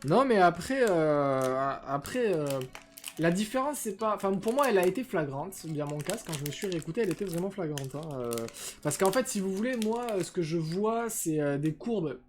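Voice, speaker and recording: A young man chats live on stream at normal speed, his high voice animated, with a little hiss or hum in the audio. He rambles casually with lots of hesitations and crude slang into a desk microphone equipped with noise filters.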